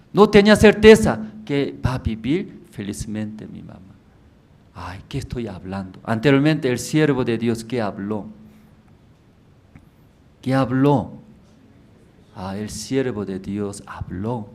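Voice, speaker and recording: A man's voice: mid-range voice, lively intonation, takes it slowly, long pauses, a little mellow. A man pastor preaching a sermon in a church, telling a story in simple words and asking the congregation rhetorical questions.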